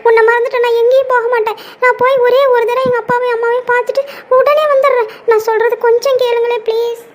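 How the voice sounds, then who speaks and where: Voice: very high-pitched, little pitch movement, fast, a little hiss or hum. A voice actor playing a young cartoon wife who pleads tearfully, speaking and singing sad laments. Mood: pleading. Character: young wife torn between husband and parents. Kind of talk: Tamil cartoon voice acting with sung laments.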